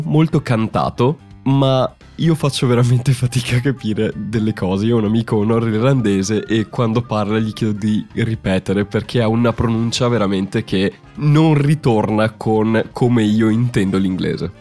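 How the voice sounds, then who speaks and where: A man's voice: lowish voice, unhurried, hardly any pauses, dark tone, faint music behind. A young man from Italy hosting a podcast, explaining in a chatty way and laughing at himself now and then. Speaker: podcast host. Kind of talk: casual podcast monologue.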